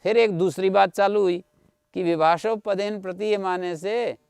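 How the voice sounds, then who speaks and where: A man's voice: sits high, steady tone, unhurried, gravelly, darkish tone, clean tone, no echo. A man teaching Sanskrit grammar in an online class, explaining rules patiently, repeating key points and checking that his listeners follow. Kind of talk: explanatory lecture.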